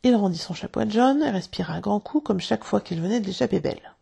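Woman reading a kids' storybook, gravelly breathy voice, calm and measured. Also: medium pitch. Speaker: narrator.

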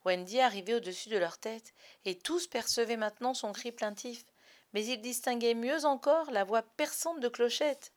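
A woman reading a children's story aloud in an expressive, dramatic storytelling manner. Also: on the high side, moderate pace. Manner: lively, dramatic reading with varied loudness.

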